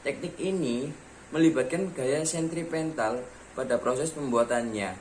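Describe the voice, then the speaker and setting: A student presenter with a medium-pitched voice reads a scripted educational voice-over about materials a little slowly, working steadily through a list of points in order. The low-quality recording has a little hiss or hum.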